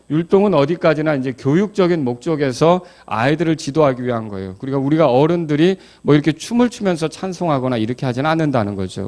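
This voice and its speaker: A man's voice: a little high, darkish tone. A man teaching a Bible study lesson as a pastor, explaining patiently, questioning the class and adding folksy asides. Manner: explanatory, asks the class questions, claps out rhythms.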